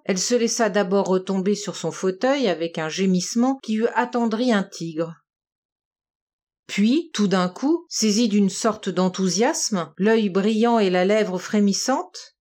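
Woman reading an old novel out loud, steady and expressive, mid pitch. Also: unhurried. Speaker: narrator. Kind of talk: audiobook reading of a classic novel.

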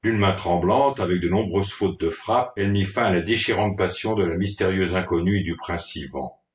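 A man's voice: low-pitched, normal speed. A man narrating a story in a dramatic, mock-melodramatic reading style. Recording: roomy, distant from the mic.

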